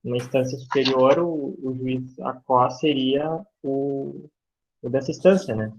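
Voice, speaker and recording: A man's voice: mid-range voice, fairly even intonation, a little slow, creaky. A male student answering hesitantly in an online class, his voice coming over a weak call connection that cuts out. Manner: hesitant, thinking aloud. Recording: muffled call line with faint noise.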